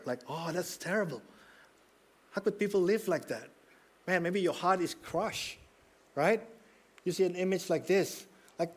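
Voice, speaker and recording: Earnest preaching man, slightly high voice. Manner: earnest, emphatic preaching with frequent "right?" check-ins. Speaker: pastor. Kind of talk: sermon.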